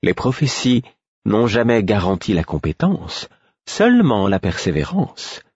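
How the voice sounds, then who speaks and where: A man reading the lines of a weary, gentle fool in an audiobook, soft and quietly stubborn. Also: fairly low pitch, big pitch swings, unhurried, husky, dry recording, lo-fi sound, full character voice. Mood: wry.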